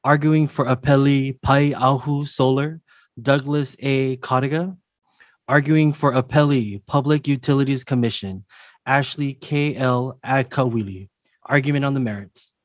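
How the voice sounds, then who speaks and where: A man acting as court clerk, reading a formal announcement in a deliberate, official way. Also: mid-range voice, steady tone, no echo. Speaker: court clerk calling the case.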